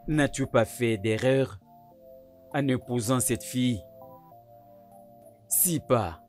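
A dub actor voicing a worried parent who questions a son slowly and reproachfully. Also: mid-range voice, darkish tone, faint music behind, natural voice. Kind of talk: dubbed film acting.

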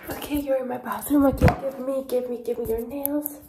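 A young woman with a high voice plays out a fast, soft-spoken ASMR role-play. She repeats words in quick strings. The recording is full of loud handling noise and clicks. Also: steady tone. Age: young adult. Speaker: ASMR performer.

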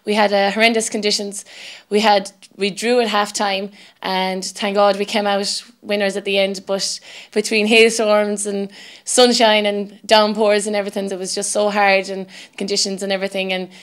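Smooth, even-toned woman, west of Ireland accent. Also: mid-range voice, normal speed. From Galway, west of Ireland. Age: 20s. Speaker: camogie player being interviewed. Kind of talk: reflective sports interview answers. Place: indoor interview set with sponsor backdrop.

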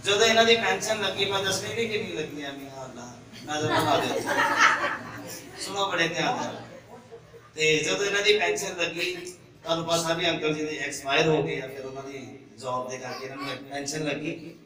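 A young adult pastor preaches to his congregation in a church hall, quizzing the crowd in call-and-response. His voice is on the high side and a little fast. He holds a handheld mic at a pulpit but is filmed from afar, so the hall sounds echoey and distant, with crowd noise.

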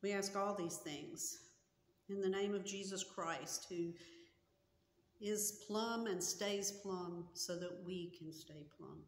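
A woman in her sixties, a pastor speaking slowly and earnestly as she preaches and prays in a small church sanctuary. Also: mid-range voice, slight background noise. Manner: slow, earnest and measured, with gestures. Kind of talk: sermon and prayer. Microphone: camera in front at chest height. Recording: echoey church hall with long reverb.

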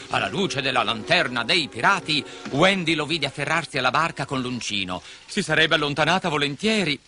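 A man narrating a children's story expressively, slipping into voices for the characters. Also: medium pitch. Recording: music behind the voice.

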